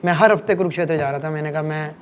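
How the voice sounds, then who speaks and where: A man's voice: on the high side, very fast, a little hiss or hum. A man in his late thirties from Haryana, a cricket commentator telling personal stories in a podcast interview, acting out the voices of the people in them. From Kurukshetra, Haryana, India. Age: late 30s. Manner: animated anecdotal storytelling, acting out voices.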